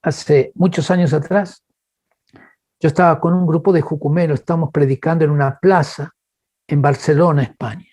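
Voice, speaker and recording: A man with a Chilean accent preaching in a webinar, telling personal stories and acting out quoted voices. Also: normal speed. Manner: animated, acts out quoted voices with big pitch jumps; addresses listeners as brothers, asks okay. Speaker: guest speaker. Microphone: webinar microphone.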